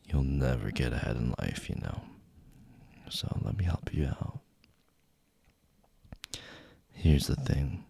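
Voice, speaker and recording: Casting: male actor as taunting young bully for ASMR role-play; very husky, slow-paced, gravelly, teasing and intimate delivery. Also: extremely low pitch, big pitch swings, warm tone, no room sound, heavily acted. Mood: mocking, condescending.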